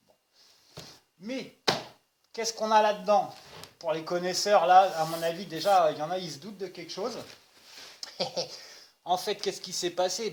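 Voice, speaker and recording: A man hosting an unboxing video, chatting casually and jokingly straight to his viewers. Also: on the high side. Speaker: RC hobby channel host. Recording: noisy home recording.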